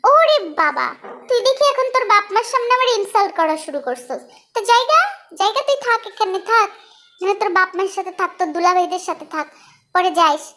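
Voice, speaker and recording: A woman's voice: extremely high pitch, animated, fast talker, pushed and bright, full character voice. A woman voicing a touchy, self-pitying young husband who talks in a sulky, sarcastic way.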